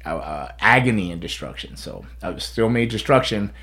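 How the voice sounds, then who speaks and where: A man's voice: lowish voice, lively intonation, brisk, a bit bright. A man hosting a casual chat in a rambling storyteller's way. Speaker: podcast host, pro wrestler.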